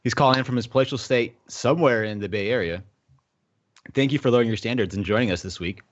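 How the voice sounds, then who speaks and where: A man's voice: mid-range voice, quick pace, muffled recording. A man hosting a gaming podcast, joking loosely and leaning on fillers. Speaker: podcast host. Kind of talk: casual podcast chat.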